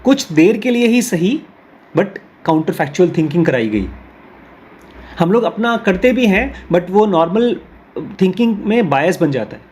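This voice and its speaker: Husky, higher-pitched man teaching. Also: sing-song, darkish tone. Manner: reads English lines slowly, then explains them in Hindi; explains with everyday examples and role-play scenarios. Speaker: spirituality course teacher. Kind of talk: explanatory talk in Hindi with English phrases.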